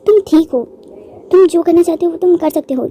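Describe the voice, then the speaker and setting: A woman's voice: high-pitched, a little fast, mellow, slight background noise, natural voice. A woman voicing a lovestruck young heroine who pleads and coaxes affectionately in a manga recap. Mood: desperate, pleading.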